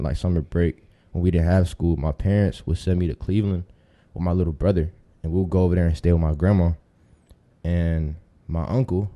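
This Tampa, Florida native, a young American man around twenty-one, tells stories in casual street slang while guesting on a podcast. He has a low-pitched, warm voice.

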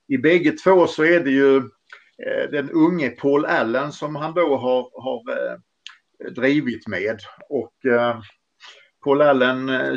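A man's voice: medium pitch, lo-fi sound. A man telling football anecdotes in a casual, hesitant way, with many fillers and restarts. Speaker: podcast storyteller.

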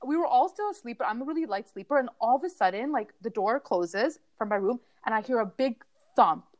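Animated young woman telling a story. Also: a little high, a little fast. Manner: animated, laughing, many "like" fillers. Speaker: podcast co-host. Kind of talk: casual storytelling chat.

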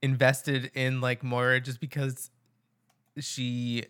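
A man's voice: mid-range voice, clear, resonant tone. A man co-hosting a podcast, chatting casually with lots of fillers and restarts. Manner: relaxed, halting, filler-heavy. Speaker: podcast co-host.

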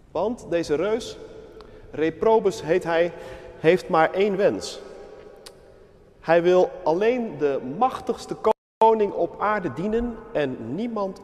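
A man telling a saint's legend in a measured, storytelling sermon inside a church. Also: sits high, a little mellow. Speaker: preacher. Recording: long church reverb.

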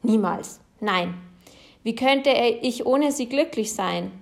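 A woman's voice: on the high side, animated, slow pace, creaky, heavily acted. A woman voicing a proud, vain rainbow fish who talks in a haughty, curt way. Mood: dismayed.

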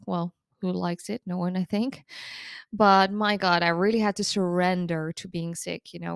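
A woman in her thirties hosts her own podcast as an eating disorder recovery coach, delivering a casual solo monologue that is candid, chatty, and self-deprecating while she's congested from the flu. Her low voice is gravelly yet clean in tone, recorded with clean studio sound and no room sound.

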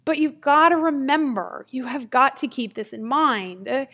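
A woman marketing speaker telling a fable in an animated, emphatic way before turning to a motivational talk. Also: high voice, measured pace. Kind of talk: storytelling, then a motivational talk.

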